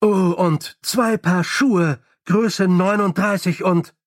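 A brisk young woman sergeant in an audiobook, as a male reader puts her on, handing out orders crisply and expecting them done. The delivery is firm and matter-of-fact, in a fairly high male reading voice. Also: dry recording, clean studio sound. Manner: brisk, commanding.

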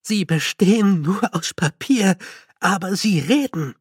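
A man's voice: high-pitched, lively intonation, a little slow, husky, no echo, clean studio sound, pitched above the performer's own voice, exaggerated voice. A man voicing a frantic young male con man, agitated and breathless. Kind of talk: audiobook character voice.

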